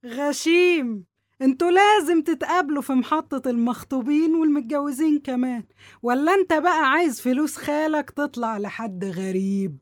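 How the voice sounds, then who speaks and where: A woman's voice: sits high, moderate pace, no room sound, studio quality, lightly acted. A woman with an Egyptian accent playing a domineering, greedy middle-aged aunt in a drama, nagging and scolding in colloquial speech. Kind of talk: dramatic dialogue.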